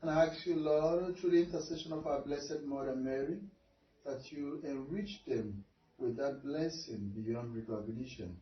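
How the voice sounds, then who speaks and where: Priest praying in a roomy echo. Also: male voice, mid-range voice. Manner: measured, prayerful, rising into praise. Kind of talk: leading prayers and a house blessing. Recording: echoey room, distant muffled mic, noisy.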